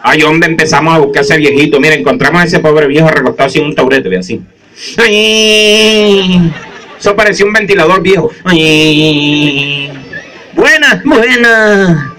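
A man's voice: fairly high pitch, normal speed, poor audio. A man doing stand-up storytelling, acting out the voices of the people in his tales. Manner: animated, acts out voices of characters. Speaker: comedian.

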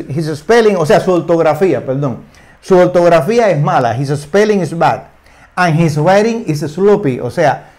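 A man's voice: a little high, a little mellow. Older man teaching English in Spanish. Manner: repeats phrases, frequent tag questions, slow careful English examples. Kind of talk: explaining English lesson in Spanish.

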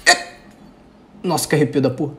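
A woman's voice: deep voice, bright, forceful tone, slight background noise. Jumpy Brazilian woman gaming commentator. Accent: Brazilian Portuguese. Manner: jumpy, panicky outbursts, rapid repeated exclamations. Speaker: gaming youtuber. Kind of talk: horror game let's-play commentary.

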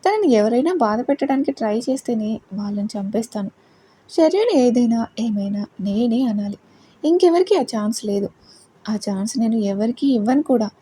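A woman's voice: fairly high pitch, lively intonation, moderate pace, mellow, a little hiss or hum, lightly acted. A woman with a Telugu accent voicing a sarcastic, bickering young rich husband in a storybook reading. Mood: possessive.

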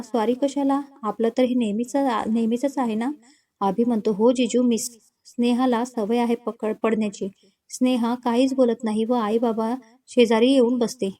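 Lady reading a romance story out loud, kinda high voice but soft and warm. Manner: reads all parts in her own voice, dialogue barely changed. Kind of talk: storybook narration.

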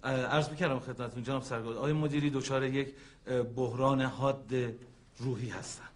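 A man's voice: medium pitch, fairly even intonation, natural voice. An actor playing a flustered middle-aged man who hesitates and stumbles while making excuses.

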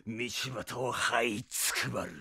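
A man's voice: medium pitch, slow, vocal fry, pushed and bright, slightly rough, heavily acted. An actor playing a cruel, megalomaniac vampire villain in a Japanese audio drama, theatrical and gloating, drawing out his menace. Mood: contemptuous. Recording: music bed under the voice.

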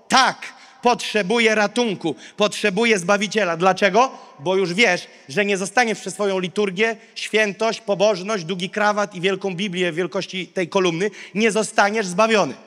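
A pastor in his 30s with a high-pitched, fairly bright voice preaches a sermon to a large live congregation from an auditorium stage. Into a handheld microphone he speaks emphatically and declaratively, in short repeated phrases broken by dramatic pauses, and the PA sound fills a big reverberant hall.

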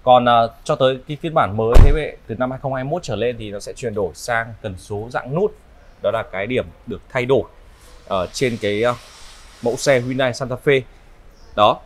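Man, northern Vietnamese accent, medium pitch, used car salesman, smooth courteous sales patter, repeats key phrases, unscripted presentation. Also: moderate pace, slight background noise. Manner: polite, smooth sales patter with frequent repetition. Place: large indoor car showroom. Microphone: clip-on lapel mic.

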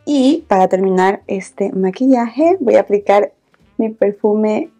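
A woman vlogger speaks in a soft, hushed, intimate way, as if keeping her volume down. Her voice is mellow with plenty of gentle creak. She chats casually through a beauty routine over faint background music. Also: medium pitch, expressive, takes it slowly. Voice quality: soft-spoken. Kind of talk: casual get-ready-with-me makeup chat. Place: small indoor room, filming setup.

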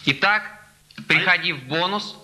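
A man's voice: high-pitched, a little slow, sharp tone, slight background noise. A young man hosting a TV show, presenting a contest for viewers. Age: young adult. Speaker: TV show host. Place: small TV studio, indoors.

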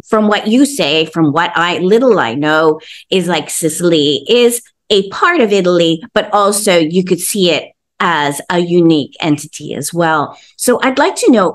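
A middle-aged woman hosting an interview over a video call from her home, curious and asking questions with rambling asides. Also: on the low side. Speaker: interviewer, magazine host. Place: home room indoors. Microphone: video call webcam.

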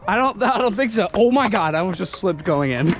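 Out at a skatepark, a young guy on a scooter records casual commentary of himself with an action camera fixed to the handlebars, swearing and cracking up at himself. He talks briskly in a high, animated voice, and the outdoor audio is noisy.

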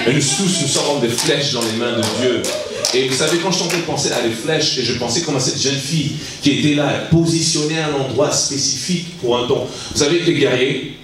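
A guest preacher in his thirties from Kinshasa, Congo, gives a sermon to young people in halting French, restarting often, since English is his stronger language. His voice is mid-range, and he holds a handheld mic in a large church hall. The recording is echoey, with the mic heard from a distance.

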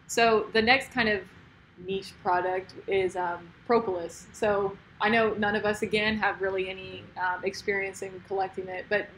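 A woman's voice: mid-range voice, flat delivery, moderate pace, a bit bright, a little hiss or hum, low-quality recording. Young woman leading a casual talk. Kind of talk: casual discussion.

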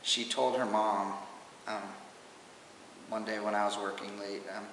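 A man giving a halting, emotional personal testimony to camera as a father, on old home camcorder audio. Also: on the low side, little pitch movement, a bit bright. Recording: roomy, distant, hissy home camcorder sound.

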